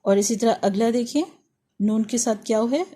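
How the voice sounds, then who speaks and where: A woman teaching an online lesson on reading Quranic letters, who explains patiently and sounds out each letter slowly, over and over. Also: a little high, mellow. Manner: patient, demonstrates sounds slowly and repeats them.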